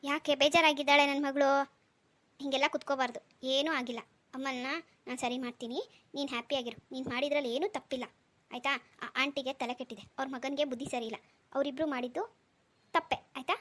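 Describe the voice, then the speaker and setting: A woman's voice: extremely high pitch, very fast, a bit bright. A woman voicing a protective husband and father in a cartoon, scolding and soothing by turns. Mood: tender. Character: protective husband and father, stern yet tender. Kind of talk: cartoon dialogue.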